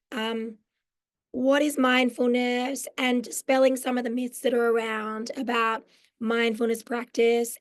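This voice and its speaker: Hoarse and croaky after losing her voice, a mental health social worker in her forties with an Australian accent explains mindfulness during a live online workshop. The audio comes from a video call, and her friendly, explanatory delivery includes many um fillers. Her pitch is fairly high.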